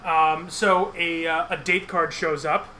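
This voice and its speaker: A man's voice: on the high side, little pitch movement, slow, bright, forceful tone, a little hiss or hum. A man co-hosting a podcast, chatting casually and rambling with lots of fillers. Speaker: podcast co-host. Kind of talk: casual chat recapping a TV show.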